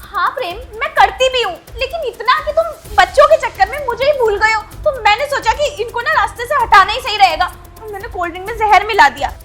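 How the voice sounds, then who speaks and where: A woman's voice: very high voice, animated, a little fast, hardly any pauses, a bit bright, soft background music. A woman playing a scolding scheming sister-in-law. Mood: bitter. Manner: scolding, nagging repetitions. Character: scheming young sister-in-law, sharp-tongued. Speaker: actor in a family skit. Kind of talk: amateur Hindi web-skit acting.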